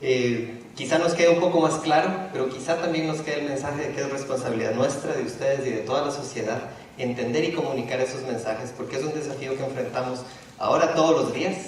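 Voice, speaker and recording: A middle-aged man from Ecuador presents a public lecture in a university auditorium, his medium-pitched voice moving at a quick pace. He speaks hesitantly with frequent restarts and fillers, and the recording is echoey, distant from the mic, with a little hiss or hum.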